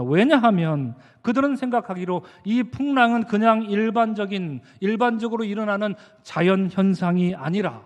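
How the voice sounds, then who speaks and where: A male pastor delivering a sermon, who acts out the disciples' frightened and angry words. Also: sits high. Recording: church hall reverb.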